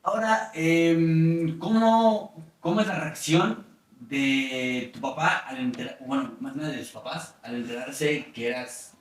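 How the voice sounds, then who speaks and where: A man's voice: fairly high pitch, takes it slowly. A man with a Mexican accent, a co-host joking casually and asking questions. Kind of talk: casual chat. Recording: very echoey room, mic far off.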